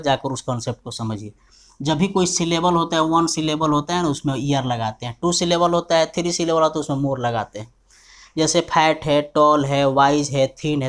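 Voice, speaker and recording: A male teacher explaining grammar rules step by step. He keeps asking whether students have understood, and he slows down to dictate example sentences. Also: fairly high pitch.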